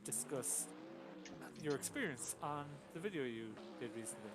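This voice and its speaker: A man with an Irish accent reading out a request slowly and stiffly, like a recorded phone message, over a racing stream. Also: on the high side, animated. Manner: slow stilted recorded phone message delivery. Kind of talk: casual chat while racing. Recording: game car engine noise behind. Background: racing car engines.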